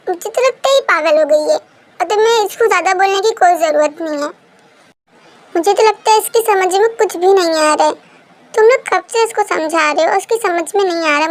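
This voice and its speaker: A woman's voice: very high voice, brisk, no echo. A woman reading a fan-fiction story aloud, performing every role in her own voice. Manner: acts every role in one voice.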